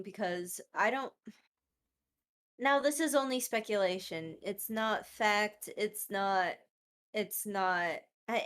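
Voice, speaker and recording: A woman's voice: medium pitch, a bit bright. Chatty woman podcast co-host. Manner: chatty, hedging with asides and fillers. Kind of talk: casual podcast chat.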